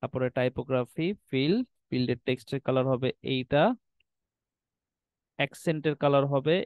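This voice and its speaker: A man's voice: medium pitch, fairly even intonation, moderate pace, darkish tone, smooth, dry recording. A man walking students through website design settings on screen, often checking in with "ঠিক আছে?" and mixing in English terms. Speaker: web design instructor. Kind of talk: screen-recorded tutorial walkthrough.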